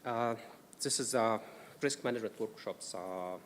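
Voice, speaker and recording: Presenting to a council about risk management, an Egyptian man explains carefully with an Egyptian accent, often filling gaps with "uh." His voice is on the low side at normal speed. The distant mic picks up a reverberant, noisy council meeting room.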